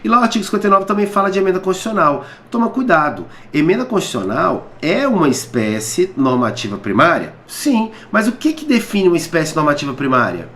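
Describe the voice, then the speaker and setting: A man's voice: fairly high pitch, a bit bright, echoey room, a little hiss or hum. A man with a Brazilian Portuguese accent teaching a recorded law lecture, explaining step by step, asking rhetorical questions and checking in with "tá?" after nearly every point.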